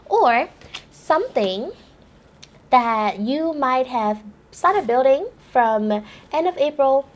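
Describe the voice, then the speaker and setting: A bubbly young woman giving a chatty pick-a-card tarot reading, laughing often. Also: a little high. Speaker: tarot reader.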